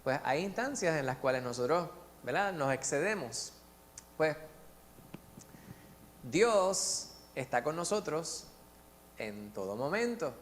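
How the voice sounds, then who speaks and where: A man's voice: fairly high pitch, slow, pauses often. Puerto Rican man, Bible study teacher, raised voice, long hall reverb, faint hum. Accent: Puerto Rican Spanish. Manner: lively, joking, asks the group questions. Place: church meeting room.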